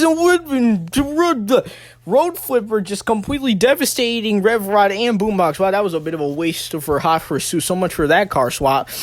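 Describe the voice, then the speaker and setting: Casting: hobby race commentator, excitable play-by-play, mid-pitched, stumbles and self-corrects. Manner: excitable, bursts into high exclamations then settles; stumbles and restarts phrases, corrects own calls.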